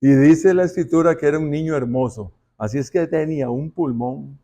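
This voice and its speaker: A man's voice: a little high, brisk, warm tone. A man preaching a sermon in church, talking with the congregation through rhetorical questions. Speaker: pastor.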